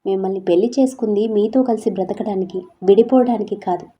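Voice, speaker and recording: A woman voicing a young wife who is hurt but stands firm, speaking softly and with resolve. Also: mid-range voice, fast, natural voice. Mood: defiant. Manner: soft, tearful, turning resolute. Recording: slightly dull lo-fi audio.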